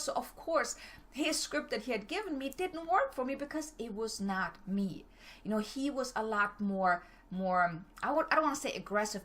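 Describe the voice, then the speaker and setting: A middle-aged German woman with a German accent gives a motivational talk as a business coach, speaking fast and directly while stumbling over her words. Her voice is on the high side and a bit bright.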